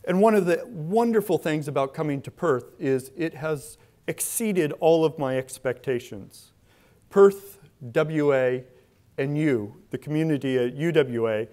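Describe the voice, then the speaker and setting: In a big indoor hall, a middle-aged man delivers a public lecture as a guest speaker, talking conversationally into a lectern microphone before switching to a clip-on while walking about. His voice is fairly high with a darkish tone.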